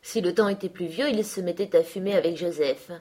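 A woman narrating a novel as an audiobook with a steady, measured delivery. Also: fairly low pitch. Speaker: audiobook reader.

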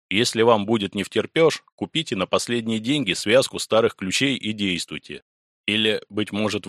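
A man reading a literary story aloud in the first person, with a measured, deliberate, slightly ironic delivery. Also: lowish voice, a bit bright, no room sound, clean studio sound. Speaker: audiobook narrator.

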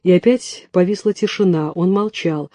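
A man reading first-person fiction aloud in a hushed, tense storytelling manner. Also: high-pitched, moderate pace, no room sound. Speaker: audiobook reader.

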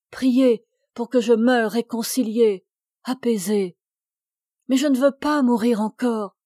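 A woman's voice: a little high, mellow, no echo, clean studio sound. A woman reading an audiobook, voicing a dying young man tormented by religious doubt, pleading and anguished.

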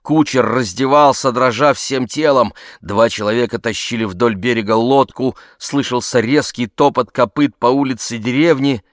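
Чтец-мужчина, драматичное размеренное чтение, без эха. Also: male voice, mid-range voice, normal speed, few pauses, no echo, studio quality. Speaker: audiobook narrator. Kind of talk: scripted narration.

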